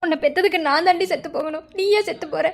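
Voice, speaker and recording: A woman voicing a weeping, high-voiced mother. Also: fast talker. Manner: weeping, lamenting. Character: anguished middle-aged mother. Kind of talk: dubbed cartoon drama.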